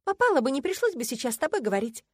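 A woman voicing a sharp-tongued young woman student, sarcastic and quick to bristle, in a lively raised tone. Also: a little high, dry recording, clean studio sound, pitched above the performer's own voice. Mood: indignant. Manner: sarcastic, indignant, mock-sweet.

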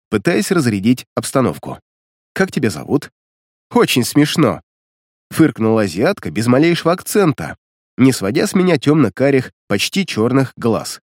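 A man's voice: mid-range voice, a little mellow, dry recording, studio quality. A man narrating a first-person action story with vivid, dramatic storytelling. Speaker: audiobook narrator.

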